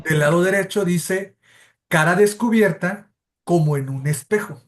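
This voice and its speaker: High-voiced Mexican man teaching a Bible class. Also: unhurried. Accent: Mexican Spanish. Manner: explanatory, methodical, self-correcting. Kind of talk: church Bible study class.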